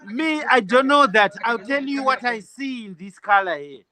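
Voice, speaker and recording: A man's voice: extremely high pitch, expressive, moderate pace, bright, forceful tone. A man in a casual street debate, insistent and argumentative, talking with many fillers. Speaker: street interviewer.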